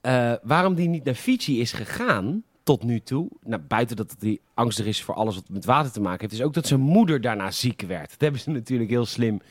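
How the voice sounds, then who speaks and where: A Dutch man co-hosting a casual film podcast, walking through scenes one after another and slipping into the characters' lines as he goes. His voice sits at an ordinary middle pitch. The recording is close and dry. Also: lively intonation, fairly quick, few pauses, dry recording. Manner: retells scenes at length, acting out quoted lines. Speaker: podcast co-host.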